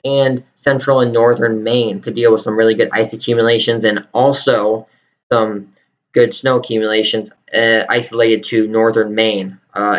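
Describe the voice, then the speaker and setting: A man's voice: on the low side, highs cut off. A man giving improvised live weather radar commentary as a storm forecaster, explaining things step by step and repeating key phrases for emphasis.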